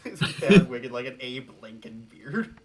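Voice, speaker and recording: A man co-hosting a casual film commentary podcast, chatting with quick asides and a lot of "like". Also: mid-range voice, lively intonation, darkish tone. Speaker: podcast co-host.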